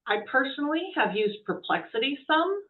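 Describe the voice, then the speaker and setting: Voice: sits high, very animated, normal speed. A webinar moderator relaying audience questions in a hesitant way with frequent restarts. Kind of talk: casual Q&A moderation. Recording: tinny phone-like call audio.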